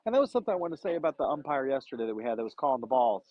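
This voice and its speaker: A man's voice: mid-range voice, very animated, racing. A man calling a youth baseball game from beside the field in a chatty, easygoing way. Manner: chatty, laughs often. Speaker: play-by-play announcer. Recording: muffled lo-fi stream audio.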